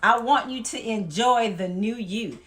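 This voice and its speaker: A woman's voice: fairly high pitch, a little slow, fairly bright tone. A woman from Louisiana, giving an emphatic, folksy motivational talk as a weight-loss vlogger.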